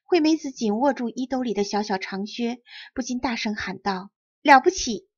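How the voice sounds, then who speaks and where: A woman storyteller reading a fairy-tale audiobook in a clear, measured way, with a husky voice. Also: on the high side, a little mellow, lo-fi sound.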